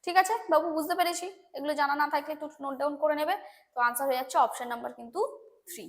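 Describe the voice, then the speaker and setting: A woman's voice: high voice, rapid-fire. A woman with a Bengali accent teaching English grammar for an exam, explaining patiently, repeating points and often checking that students understand. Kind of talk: exam-prep grammar lesson.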